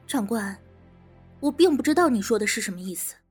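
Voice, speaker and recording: A woman voicing a proud young woman journalist held prisoner, curt and defiant, rising into high, sharp cries. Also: lively intonation, fairly quick, breathy edge, faint music behind. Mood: cold. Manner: cold and curt, turning to high panicked cries. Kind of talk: audio drama acting.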